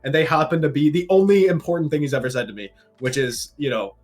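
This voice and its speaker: A young man in his twenties co-hosting a casual podcast, telling an animated story and swearing freely. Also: fairly high pitch, fast, soft background music. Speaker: podcast co-host.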